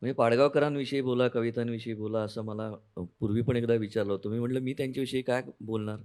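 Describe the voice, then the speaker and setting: Man, Marathi accent, poet, soft-spoken, half-sung recital, mid pitch. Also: fairly even intonation, fast, clear, resonant tone.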